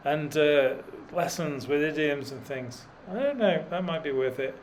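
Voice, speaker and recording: A middle-aged cycling vlogger talks while riding up a mountain road, rambling in a dry, self-deprecating way with many fillers. His voice is a little high and a little slow, and there's a little hiss or hum in the audio.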